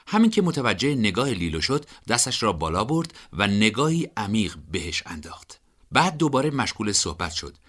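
A man narrating an audiobook in an expressive storytelling manner. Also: fairly low pitch.

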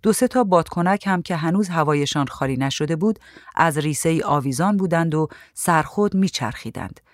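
A woman reading a story aloud in a calm, even voice. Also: low voice, dry recording, studio quality. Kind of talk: storybook narration.

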